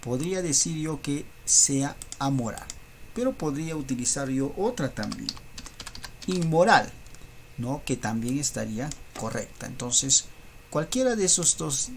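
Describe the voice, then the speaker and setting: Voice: medium pitch, slight background noise. Patient teacher walking through examples. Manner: patient, explains step by step with rhetorical tag questions. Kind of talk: recorded school lesson.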